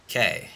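A man giving let's play commentary, talking to himself as he plays, with frequent exclamations and laughter. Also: pushed and bright. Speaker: gaming channel host.

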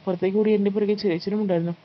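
A woman narrating a first-person life story in a calm, steady storytelling read. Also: mid-range voice, racing. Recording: slightly muffled with faint background noise.

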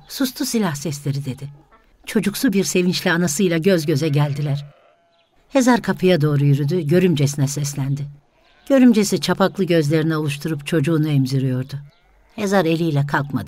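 A woman narrating a literary story in a measured, dramatic reading. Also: low voice. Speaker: audiobook narrator. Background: soft music.

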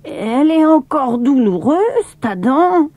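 Woman doing a screechy old lady servant, way high up, dramatic yelling, dry sound. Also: very animated, takes it slowly, no echo, full character voice. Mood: nosy. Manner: piercing, dramatic cries.

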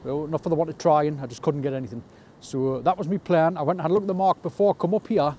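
An angler vlogger from North East England chats understatedly and pokes fun at himself while fishing from a rocky shore at night amid wind and rain. His voice is fairly high and mellow, with fairly even intonation and a fast pace. The outdoor camera audio has faint wind noise.

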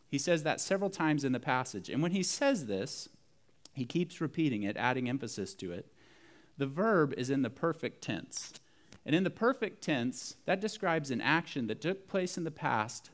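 A man preaching a sermon as pastor, earnest and building emphasis through repetition. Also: fairly high pitch.

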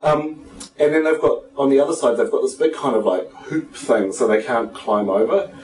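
A man's voice: medium pitch, moderate pace, darkish tone. A man with a broad New Zealand accent hosting a casual live chat, playful and chatty. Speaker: talk show host. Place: small living room, indoors. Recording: roomy, distant microphone.

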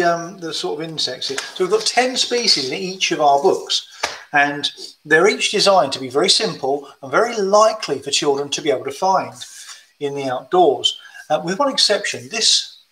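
A tired man chattily showing his children's books, with fillers and gentle rhyme readings. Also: a little high, animated, normal speed, a little hiss or hum, low-quality recording. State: tired, yawning. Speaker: children's book author. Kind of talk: casual book presentation with rhyme readings.

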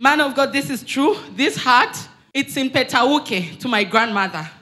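A woman's voice: high-pitched, lively intonation, unhurried, sharp tone, faint music behind. A young woman from Zambia giving an earnest, emphatic church testimony into a handheld mic in a large hall. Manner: earnest, emphatic, retelling dialogue.

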